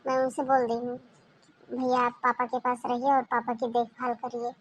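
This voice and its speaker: A woman voicing a patient, dutiful young daughter-in-law in a cartoon, speaking in a soft, pleading, subdued way. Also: fairly high pitch, monotone, moderate pace, highs cut off, slight background noise, natural voice. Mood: calm. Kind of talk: Hindi cartoon voice acting.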